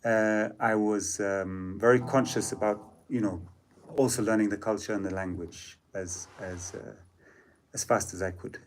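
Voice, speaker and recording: A man who grew up in Zambia, a musician guest telling stories in a casual interview, reflective and pausing often with fillers. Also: fairly low pitch, steady tone, a little hiss or hum. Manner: reflective, hesitant with many fillers.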